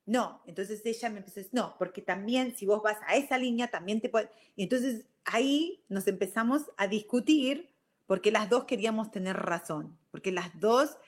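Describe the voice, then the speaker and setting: Animated Rioplatense-accented woman telling a story. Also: mid-range voice, moderate pace. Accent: Rioplatense Spanish. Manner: animated, slips into English words. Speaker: show host. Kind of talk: casual storytelling monologue.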